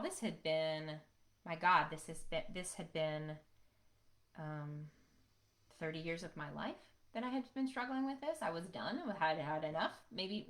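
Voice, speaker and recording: A woman's voice: fairly low pitch, fairly bright tone. Middle-aged woman telling her story. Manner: conversational, frequent "right?" tag questions. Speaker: podcast host. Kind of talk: casual storytelling.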